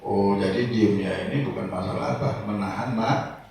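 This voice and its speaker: A man preaching a sermon, swinging between soft low asides and loud raised exhortation. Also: fairly even intonation, moderate pace, vocal fry, slight background noise. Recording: echoey hall, voice from far off.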